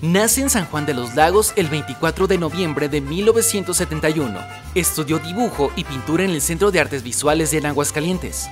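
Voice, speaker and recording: A man reading a scripted biography in a formal, measured announcer manner. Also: a little high. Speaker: narrator. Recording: voice-over with clear music bed.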